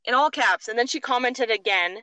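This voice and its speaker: A young woman from Alberta, Canada co-hosts a podcast and casually reads out online comments, sounding amused and giggly. Her voice is bright and smooth, recorded close and dry with no room around it. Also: a little high, animated, brisk, no room sound, rough recording. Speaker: podcast co-host.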